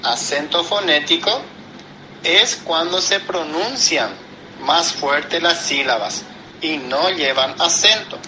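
A man explains a grammar lesson slowly and deliberately, one step at a time. His voice is very bright and sits a little high for a man. Faint vehicle noise hums in the background. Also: animated, poor audio. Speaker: teacher.

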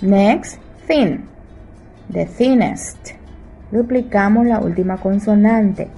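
Slow, mellow woman teaching English. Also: medium pitch, soft background music, rough recording. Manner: checks in with frequent "¿sí?"; slow English examples, quicker Spanish explanations. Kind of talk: bilingual grammar lesson.

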